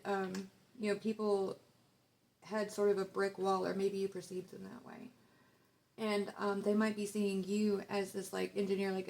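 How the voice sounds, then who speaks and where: A woman's voice: mid-range voice, creaky, dark tone. A young woman giving a casual tarot reading, rambling with many fillers as she reads card texts aloud. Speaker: tarot reader.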